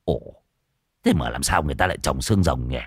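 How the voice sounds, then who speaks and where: A man's voice: expressive, fast, a bit bright, slightly rough, dry recording, studio quality, full character voice. A man doing a dim, mumbling gang member. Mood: puzzled. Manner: low, dazed mumbling. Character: dim-witted gang member, slow and puzzled.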